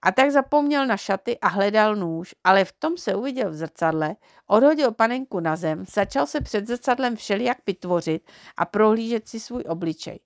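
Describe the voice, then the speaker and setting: A woman calmly reading a children's book aloud into a close mic. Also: medium pitch, no room sound. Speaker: audiobook reader.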